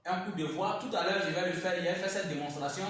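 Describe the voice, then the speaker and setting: A man teaching a reading lesson, explaining slowly and repeating words syllable by syllable at the board. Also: high voice, a bit bright, slight background noise. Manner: slow, repetitive, spells words by syllables. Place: classroom with a board. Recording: echoey room, mic far off.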